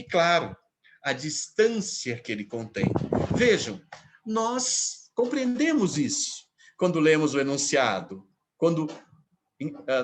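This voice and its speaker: A man gives a literature lecture, his voice a little high and very lively in pitch. He slows down and leans on the quoted phrases. A steady background noise runs under the recording. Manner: animated, stresses quoted phrases slowly. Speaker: literature teacher. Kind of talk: lecture on poetry.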